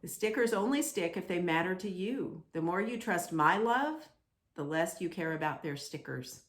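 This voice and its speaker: A woman voicing a kindly, big bearded old woodcarver in a children's storybook, gentle, slow and thoughtful. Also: on the low side, animated, reverberant, natural voice. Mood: tender. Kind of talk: children's storybook read-aloud.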